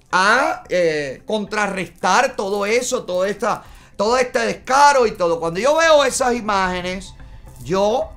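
A man's voice: sits high, a bit bright. A middle-aged Cuban man hosting a studio show, giving indignant political commentary and gesturing a lot as he talks. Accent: Cuban Spanish. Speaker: host. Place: small studio in front of a bright backdrop.

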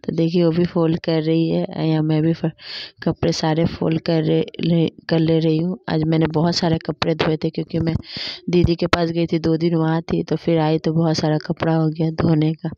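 A woman's voice: deep voice, monotone, normal speed, dry recording, muffled recording. A young woman narrating her evening routine in a family vlog, walking through each chore step by step. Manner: plain step-by-step narration, repeats "dekhiye". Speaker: family vlogger.

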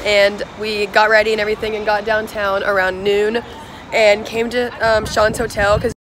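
A young woman vlogging in a casual, excitable way into a handheld camera, talking in a chatty style with lots of "like", outdoors in the city and in a car. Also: medium pitch, normal speed. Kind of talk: casual vlog narration. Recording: loud street and traffic noise.

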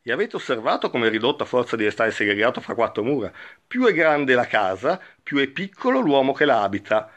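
A man's voice: mid-range voice, sing-song, a little fast, a bit bright, highs cut off. A man voicing a loving, generous old tree as he reads a parable aloud, in a tender, pleading way. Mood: musing.

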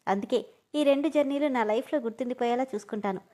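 A woman reading a storybook who voices a playful, talkative young woman, teasing and often pitched up. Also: quick pace, warm tone, natural voice. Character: playful, chatty young woman on her first flights.

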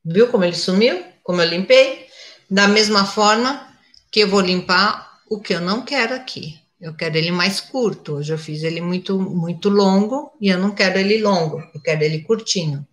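An older woman, a makeup instructor, runs a live tutorial in a chatty style, constantly checking in with her viewers. Her voice is medium-pitched at a normal speed, and the room sounds echoey.

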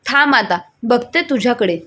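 A woman putting on a shrill bossy mother-in-law. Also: animated, moderate pace, bright, forceful tone. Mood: furious. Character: angry domineering older mother-in-law.

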